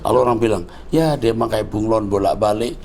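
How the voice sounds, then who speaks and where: A man's voice: on the low side, fairly quick, a little mellow, slight background noise. A man in his sixties, a pastor answering viewer questions in a fatherly, lecturing way. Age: 60s. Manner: fatherly, lecturing, calls listener "Nak". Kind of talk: conversational teaching.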